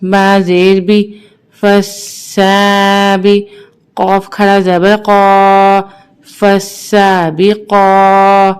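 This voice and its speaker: A woman teaching Quran reading, spelling out each syllable slowly and adding quick spoken explanations. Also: medium pitch, completely flat delivery, smooth. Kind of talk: slow spelled-out recitation lesson.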